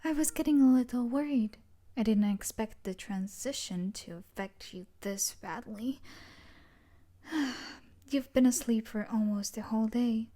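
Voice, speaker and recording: In an intimate audio roleplay, a woman voices an obsessive yandere stalker from a dark romance book, breathy and coaxing with a quiet menace. She often slips into a whisper. Her pitch is fairly high, her pace measured, and she sounds softly concerned.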